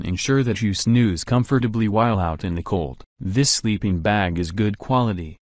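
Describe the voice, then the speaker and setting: A man narrating a scripted product review in a flat, even reading voice. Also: on the low side, no room sound, studio quality. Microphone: voice-over.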